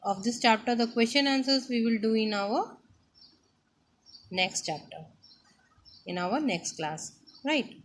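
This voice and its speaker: Woman teacher for a first-grade reading lesson, slow and deliberate, checks in with "right?" after each point. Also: on the high side, lively intonation, slight background noise. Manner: slow, explains words and keeps asking "right?". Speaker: primary school teacher. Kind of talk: online class lesson.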